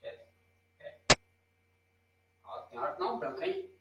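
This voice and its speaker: A male teacher with a Brazilian Portuguese accent chats through an informal board lesson, pointing and correcting himself. His voice is a little high and a little slow, with huge pitch swings. The audio is dull and very noisy, captured off-mic in a very echoey room.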